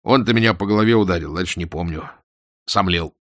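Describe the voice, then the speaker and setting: A man voicing a loud, eager, deferential former policeman who barks his words. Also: low-pitched, fast talker, dry recording, clean studio sound. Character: loud loyal older male ex-policeman.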